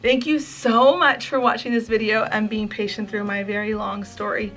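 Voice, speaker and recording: Soft music plays behind a home and craft vlogger in her forties as she speaks earnestly to her viewers, close to tears and full of thanks. Her medium-pitched voice is fairly bright, with a flat delivery at normal speed.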